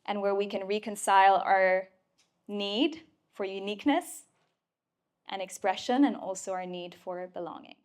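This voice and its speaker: A woman's voice: mid-range voice, moderate pace. A woman giving an inspirational talk to a live audience at a mentoring event, playful and emphatic, with casual swearing. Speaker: speaker at a mentoring community event.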